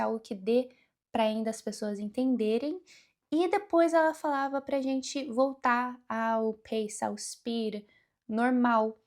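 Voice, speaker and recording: A young woman giving a casual English lesson, speaking slowly and deliberately and mixing English words into her speech. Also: fairly high pitch, a little mellow. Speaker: English teacher.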